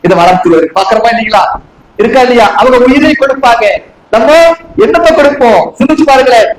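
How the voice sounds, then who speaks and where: A man's voice: very high voice, fast talker, crowd noise. A man from Tamil Nadu preaching a sermon to a congregation, asking them rhetorical questions again and again. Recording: echoey room with faint background noise.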